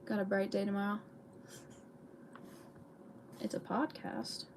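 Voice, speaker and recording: A woman chatting casually with viewers on a livestream in a soft, laid-back way. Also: mid-range voice, level tone, slow, a little hiss or hum. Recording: clear music playing behind.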